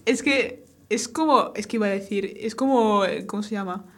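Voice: mid-range voice, normal speed, fairly bright tone. Giggly, slangy co-host. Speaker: radio show co-host. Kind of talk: casual chat, slangy.

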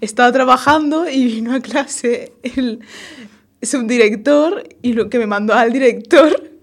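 A woman's voice: on the high side, a little slow. A woman doing a bewildered pleading teacher. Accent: Spain Spanish. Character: bewildered fired male teacher, pleading innocence.

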